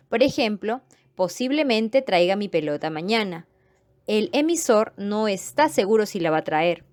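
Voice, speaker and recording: A woman's voice: medium pitch, a little mellow, no room sound, clean studio sound. A woman teaching a grammar lesson to viewers, explaining patiently and checking in with them as she goes. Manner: patient, repeats points and checks understanding; friendly sign-off to viewers.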